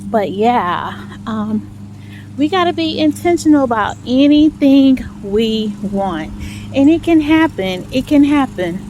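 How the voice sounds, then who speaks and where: A woman's voice: high-pitched, lively intonation, takes it slowly, a little mellow, lo-fi sound. A woman talking casually and encouragingly to followers while out walking, repeating phrases for emphasis. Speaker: vlog host. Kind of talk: casual motivational talk to followers. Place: outdoors, walking in a residential neighborhood. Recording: clear outdoor noise, passing vehicles. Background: outdoor ambience, vehicle noise.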